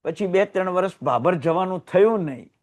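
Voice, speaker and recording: Man, Gujarati, Jain sermon, higher voice, emotional storytelling, loud rises and hushed drops. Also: animated, brisk. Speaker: Jain religious teacher.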